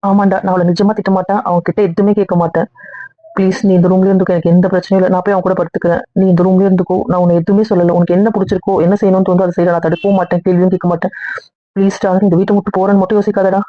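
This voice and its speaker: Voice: mid-range voice, level tone, racing, no room sound, natural voice. A performer voicing a young brother who fumbles for excuses and pleads, in an amateur audio drama with a dull recording. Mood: pleading. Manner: flustered, pleading.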